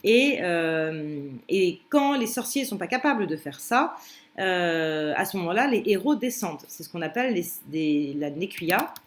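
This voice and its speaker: A woman's voice: fairly low pitch, lively intonation, a little slow. A woman teaching a commented translation lesson, explaining step by step with many fillers and restarts.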